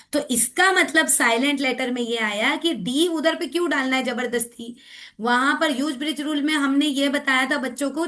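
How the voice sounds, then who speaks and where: A woman teaching phonics rules in a classroom-style lecture, mixing in English and saying example words slowly to check understanding. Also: high voice, fairly bright tone. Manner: mixes Hindi and English, repeats and checks understanding.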